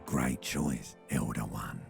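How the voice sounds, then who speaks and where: An actor in a video game playing a sly, coaxing, ancient reptilian inner voice with a gravelly rasp. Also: male voice, very deep voice, animated, slow, heavily acted. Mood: coaxing, ominous. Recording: music under the voice.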